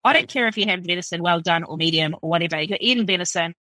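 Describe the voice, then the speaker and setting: A woman chef talks in a bright, forward voice on a dry close mic. She rambles in an animated way, leaning on filler words and casual swearing. It sounds like a relaxed podcast chat. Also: fairly low pitch, quick pace, no echo, rough recording. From New Zealand.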